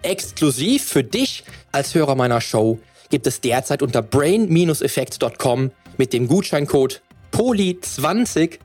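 A man's voice: mid-range voice, animated, measured pace, a little mellow, breathy edge, soft background music. A man hosting a fitness podcast, reading a sponsor spot and then asking long, searching questions. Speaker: podcast host.

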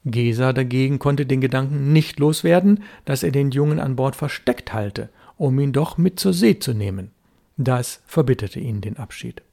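Male storybook narrator, steady calm read, gravelly, dark mellow tone. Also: medium pitch, moderate pace.

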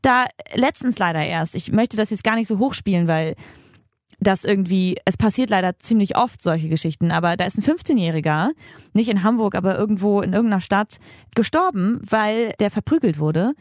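A woman's voice: mid-range voice, animated, a little fast, no echo, clean studio sound. A woman hosting a podcast, telling stories in a blunt, emphatic way and swearing freely. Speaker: podcast host. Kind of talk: casual chat.

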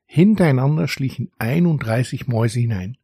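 Husky-voiced male storybook narrator. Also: medium pitch, normal speed, warm tone, no echo, studio quality. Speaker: audiobook narrator.

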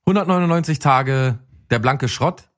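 A man's voice: medium pitch, moderate pace, a bit bright. A man co-hosting a podcast in casual comedic chat, teasing his partner and laughing often. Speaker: podcast co-host.

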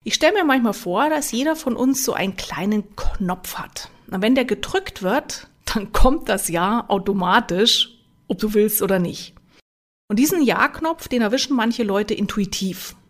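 A woman self-help coach giving a motivational talk, speaking straight to the listener with lively rhetorical questions. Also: mid-range voice, moderate pace.

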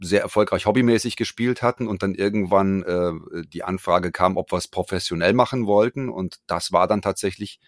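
A man, a performer answering interview questions over a remote call, relaxed and hesitant with many fillers. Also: low voice, a little fast, few pauses, no echo, studio quality. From Frankfurt, Germany. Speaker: guest, a cappella performer. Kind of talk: casual interview.

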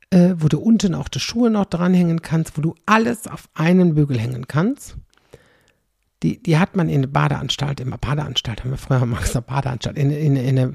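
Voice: mid-range voice, creaky, mellow, slightly rough, dry recording, studio quality. A middle-aged comedian, doing a chatty, rambling stand-up monologue and tagging sentences with "ne?". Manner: rambling, chatty, constantly tags "ne?".

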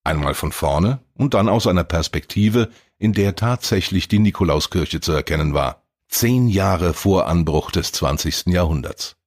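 A man with a very low, husky voice narrating an audiobook. His reading is steady and measured, told in scripted narration.

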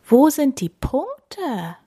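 A woman's voice: high-pitched, very animated, extremely slow, pitched above the performer's own voice, full character voice. A woman voicing a kind, cheerful male character who welcomes and comforts his animal friends. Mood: friendly. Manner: warm, beaming.

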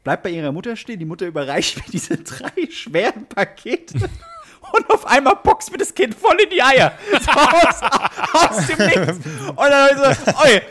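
A man's voice: very high-pitched, normal speed. A man co-hosting a casual podcast, telling a funny anecdote and acting out his own reactions. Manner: animated storyteller, acts out his own reactions. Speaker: podcast co-host.

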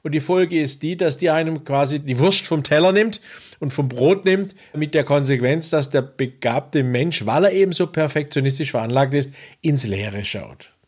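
A man working as a coach, giving a measured, deliberate interview answer with occasional hesitations. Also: a little high, darkish tone.

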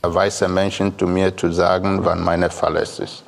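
A man from Nigeria, a restaurant owner telling an anecdote as a guest on a TV talk show, calm and hesitant with fillers. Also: deep voice, measured pace, vocal fry. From Biafra, Nigeria.

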